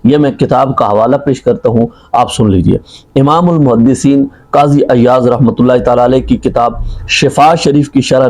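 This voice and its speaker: A man, a mufti, giving a measured religious rebuttal, citing books and reciting Arabic. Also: mid-range voice, darkish tone, rough recording.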